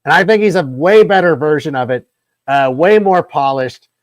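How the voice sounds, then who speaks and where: A man's voice: on the high side, animated, moderate pace, no room sound. Rambling man hosting a sports podcast. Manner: long-winded, rambling storyteller. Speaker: podcast host. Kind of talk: casual sports podcast chat.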